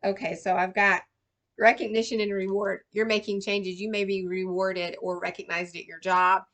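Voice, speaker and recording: A woman's voice: mid-range voice, little pitch movement, normal speed, a bit bright. A woman giving a casual, reassuring tarot reading to viewers, chatty with lots of fillers and "right?" tags. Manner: chatty, reassuring, many fillers and tag questions. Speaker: tarot reader.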